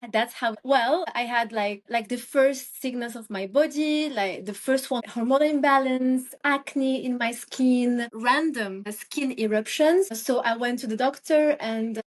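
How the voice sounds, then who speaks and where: A woman's voice: on the high side, a little slow, few pauses. A young woman from Morocco, a guest in a casual interview, talking with many fillers and restarts. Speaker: guest, Ayurvedic practitioner.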